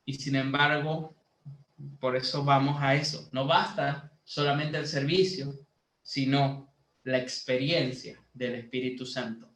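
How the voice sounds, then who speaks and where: A man from Bolivia giving a sermon to a youth group as a lay preacher, teaching slowly with many fillers and building to emphatic preaching. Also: medium pitch, fairly even intonation, fairly bright tone, echoey room, poor audio.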